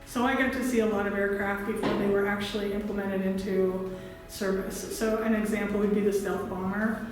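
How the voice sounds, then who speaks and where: Flat-voiced woman in an echoey hall. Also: mid-range voice, fairly quick, over music. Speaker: veteran. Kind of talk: interview recollection.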